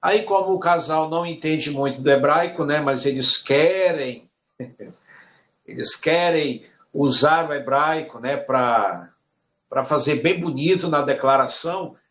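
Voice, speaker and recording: A man teaching a Hebrew lesson, slow and repetitive. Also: on the high side, a bit bright. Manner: slow, repeats words while explaining. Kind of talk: recorded online lesson.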